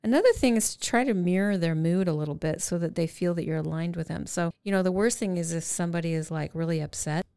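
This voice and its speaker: A woman's voice: fairly low pitch, quick pace, few pauses, mellow, clean tone. A woman co-hosting a parenting podcast, explaining techniques and acting out what teens and parents say. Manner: acts out teens' and parents' lines with big voice swings. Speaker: podcast co-host, parenting therapist.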